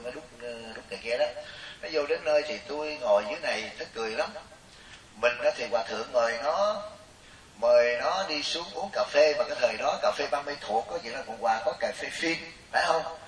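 A man's voice: mid-range voice, a bit bright, slight background noise. A middle-aged man giving a humorous Buddhist sermon, chatty and storytelling, often turning to ask his listeners questions. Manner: storytelling, chatty, keeps asking the audience questions. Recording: roomy, distant mic.

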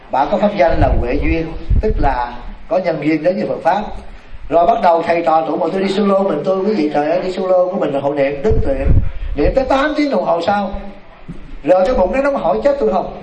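A man, a Buddhist monk telling a story in a dharma talk, animated and speaking straight to his listeners. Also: fairly high pitch. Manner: animated, addresses the audience directly. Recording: echoey room, mic far off, noisy.

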